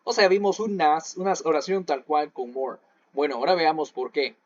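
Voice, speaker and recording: A man's voice: on the high side, animated, moderate pace, no echo. Man teaching, dull lo-fi audio. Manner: patient, repeats each example in English then Spanish. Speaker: English teacher. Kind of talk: online class explanation.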